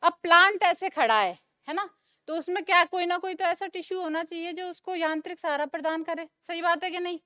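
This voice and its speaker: A woman's voice: extremely high pitch, fairly quick, pushed and bright, no room sound, studio quality. A young woman teaching a classroom lecture, asking the class questions and answering them herself, repeating the key terms.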